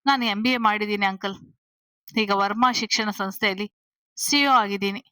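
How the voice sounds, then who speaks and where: A woman's voice: mid-range voice, moderate pace, pushed and bright, no room sound, lightly acted, rough recording. A woman voicing a bold, confident young man in love who talks bluntly and straight in an audio story. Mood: earnest.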